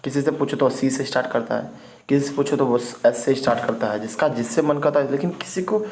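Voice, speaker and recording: A man's voice: medium pitch, a little fast, darkish tone, slight background noise, poor audio. A man teaching English vocabulary in an informal video lesson. He spells words out letter by letter and keeps checking in with his students.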